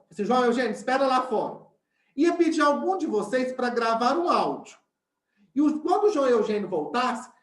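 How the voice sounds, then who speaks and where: A man's voice: very high voice, echoey room. A male science teacher, giving an online class and explaining step by step while often checking in with his students.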